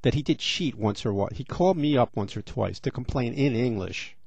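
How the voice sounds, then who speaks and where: A man's voice: mid-range voice, animated, moderate pace, vocal fry, a little mellow, breathy edge, no echo. A middle-aged man hosting a radio interview, chatty and rambling with many fillers. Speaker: radio host.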